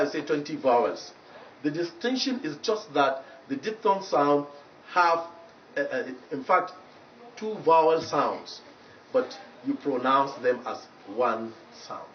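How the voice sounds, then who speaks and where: A man with a Nigerian English accent teaching English pronunciation in a TV lesson, slowly repeating each example word. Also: a little high, animated. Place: TV studio. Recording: roomy echo, distant mic, dull lo-fi sound, faint noise.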